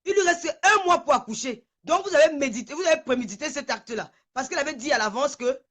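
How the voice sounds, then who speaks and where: A woman's voice: sits high, animated, quick pace, a bit bright. A woman on a live stream, trembling with anger, who hurls insults, repeats herself and stammers when worked up. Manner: furious, insulting, repetitive. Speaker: livestreamer. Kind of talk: angry livestream rant. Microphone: phone on a live stream.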